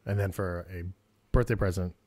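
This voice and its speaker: A man's voice: deep voice, steady tone, normal speed, a little mellow, dry recording. A man co-hosting a podcast at a house, chatting casually in a laid-back way, often trailing off mid-sentence. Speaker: podcast co-host, photographer. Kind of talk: casual chat.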